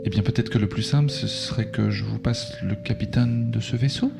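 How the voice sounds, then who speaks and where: A man's voice: lowish voice, brisk, vocal fry, over loud music. A man playing a naive, evasive crewman in a comic audio drama, mild and a little hesitant. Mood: oblivious, mild. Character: cheerfully oblivious, evasive crewman calling by radio.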